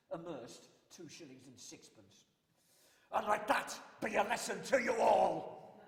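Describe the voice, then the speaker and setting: Pompous town crier played by a man, high-pitched ceremonial proclaiming, echoing hall. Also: lightly acted. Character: old-time male town crier bellowing proclamations, pompous and formal. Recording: echoey hall with long reverb.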